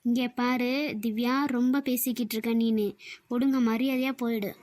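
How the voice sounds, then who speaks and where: A woman's voice: fairly high pitch, level tone, moderate pace, mellow, voice pushed down, lightly acted. A woman playing a bitter, fed-up son. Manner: bitter, reproachful. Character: exasperated grown son. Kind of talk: family skit acting.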